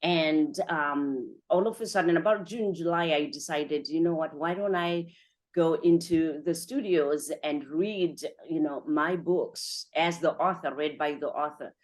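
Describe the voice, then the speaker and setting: A woman hosts an interview with a slightly low voice, gushing with thanks and chatting freely. She strings her thoughts together with frequent 'you know' fillers, keeping a talkative, conversational flow. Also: a little slow. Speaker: podcast host.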